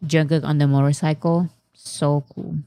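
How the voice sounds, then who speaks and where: Low-voiced woman reacting casually. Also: level tone, normal speed, dark tone, no room sound. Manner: chatty, thinks aloud, reads chat comments and answers them. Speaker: reaction channel host.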